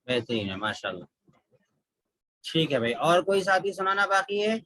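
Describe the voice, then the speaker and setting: A man teaching a Quran reading class, patiently repeating each rule and drilling letters slowly. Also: on the high side, sing-song, fairly bright tone, dry recording, poor audio. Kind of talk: online class instruction.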